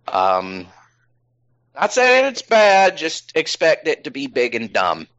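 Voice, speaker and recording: A man's voice: on the high side, huge pitch swings, takes it slowly, a bit bright. A man chatting casually as a podcast host, rambling with many ums and restarts. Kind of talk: casual chat. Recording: slightly dull lo-fi sound.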